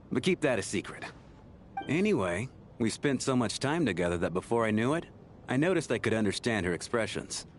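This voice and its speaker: A man performs an easygoing rogue of a game character in a medium-pitched voice. His delivery bounces playfully, always teasing and reassuring. A faint rumble sits behind him. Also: very animated, normal speed, pauses often, natural voice. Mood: breezy. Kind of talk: game voice acting.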